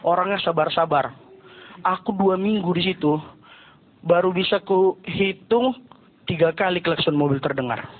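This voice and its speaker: High-voiced comedian on a tinny recording. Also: male voice, moderate pace, long pauses. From Medan, North Sumatra. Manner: animated storytelling, acting out other people's voices. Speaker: stand-up comedian. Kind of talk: stand-up comedy set. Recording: muffled phone-like live recording with noise.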